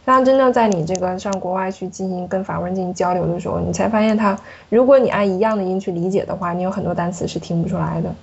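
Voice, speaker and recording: Woman, low husky voice, patient French pronunciation teacher, dull lo-fi sound. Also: quick pace, hardly any pauses, darkish tone. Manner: patient, explanatory, demonstrates sounds. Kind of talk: pronunciation lesson.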